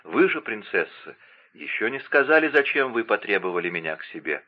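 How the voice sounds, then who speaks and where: A man's voice: lowish voice, very animated, brisk, dull audio. A man playing a lovestruck respectful count. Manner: respectful, tender, restrained.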